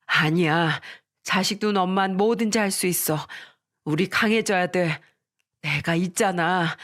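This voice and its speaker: A woman's voice: on the low side, measured pace, a bit bright. A woman voicing an older woman who is a stern but caring friend, scolding and pleading with tenderness.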